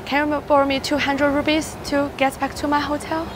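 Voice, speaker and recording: A woman from China, politely asking strangers for help on a street in halting English. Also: high-pitched, little pitch movement, noisy background. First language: Chinese. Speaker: social experiment presenter. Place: city street outdoors. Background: music.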